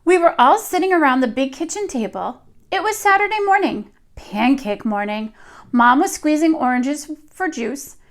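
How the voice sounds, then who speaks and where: In a high voice, a woman reads a picture book to young children the way a teacher would at storytime. She shapes every phrase with deliberate expression and lively intonation.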